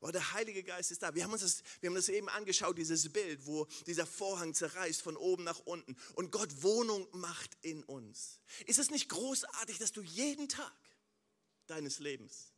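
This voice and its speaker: A man preaching a sermon, addressing the congregation with questions and swinging between quiet prayer-like passages and loud exclamations. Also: high-pitched, expressive, moderate pace.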